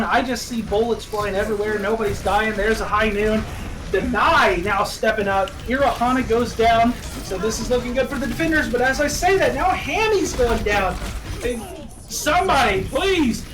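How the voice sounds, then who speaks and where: A man doing play-by-play esports commentary, excitable and laughing at his own slips of the tongue. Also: very high voice. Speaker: esports caster. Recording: distant mic with background noise.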